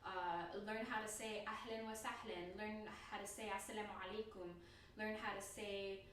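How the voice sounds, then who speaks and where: A woman's voice: medium pitch, level tone, normal speed, fairly bright tone, heavy reverb, distant mic, a little hiss or hum. A woman vlogger talking casually about learning to pronounce a language, laughing often and restarting her sentences; her first language is an Indo-European one. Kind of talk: casual talk to camera.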